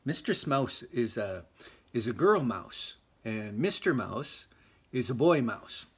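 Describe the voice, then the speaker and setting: An older man with a grandpa voice reads a children's picture book aloud, explaining gently as if to a small child. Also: mid-range voice, sing-song, slow. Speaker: storyteller grandfather reading aloud.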